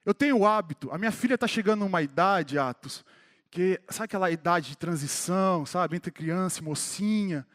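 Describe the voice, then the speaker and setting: A man with a high-set voice and a Brazilian Portuguese accent preaches a sermon at a church service. He speaks straight to his congregation, calling individual members by name. His delivery builds in fervor and emphasis as he drives his points home. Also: animated, moderate pace, fairly bright tone. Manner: grows more fervent and emphatic toward the close.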